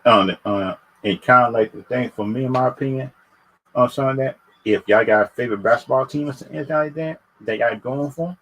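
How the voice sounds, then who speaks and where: Heard through a rough recording, this man has a medium-pitched, slightly bright voice. Chatting unscripted to his livestream audience, he offers opinions while stumbling, stammering, and repeating himself.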